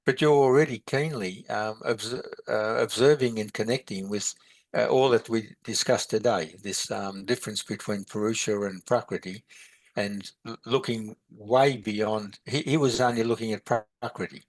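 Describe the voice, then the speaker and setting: Halting man teaching spiritual ideas. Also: lowish voice, steady tone, no echo. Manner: rambling, halting, with many restarts. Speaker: meditation and philosophy teacher. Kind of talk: conversational podcast teaching.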